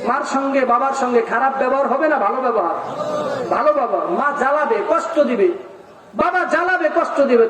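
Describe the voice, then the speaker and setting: High-pitched preacher, dramatic, booming echo from far away. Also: male voice. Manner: dramatic storytelling, rhetorical questions to the crowd. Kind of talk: sermon. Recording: echoing loudspeaker from far off.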